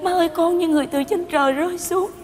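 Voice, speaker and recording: A tearful young bride pleading. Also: female voice, very high voice, steady tone, quick pace, darkish tone, a little hiss or hum. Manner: pleading, tearful melodrama turning comic. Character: young Vietnamese bride Mai, tearful and devoted. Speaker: stage comedy actress. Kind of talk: stage sketch acting. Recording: live stage with hall echo and music.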